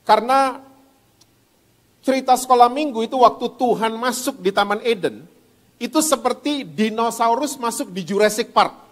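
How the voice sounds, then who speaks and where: A male pastor preaching a sermon in a church, lively and questioning the congregation. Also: very high-pitched, normal speed. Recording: reverberant church hall.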